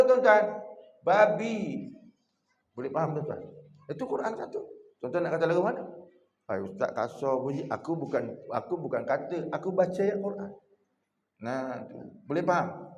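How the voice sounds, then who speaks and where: Malaysian guy preaching at the mosque, kinda high voice, jokey and animated, big echoey hall. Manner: jokey, animated, keeps addressing the congregation. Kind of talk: mosque evening lecture.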